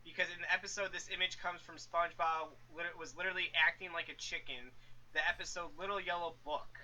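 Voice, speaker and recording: A man's voice: on the high side, fairly even intonation, fast talker, pushed and bright, poor audio. A man co-hosting a podcast, teasing his friends and explaining facts. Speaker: podcast co-host. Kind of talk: casual podcast banter.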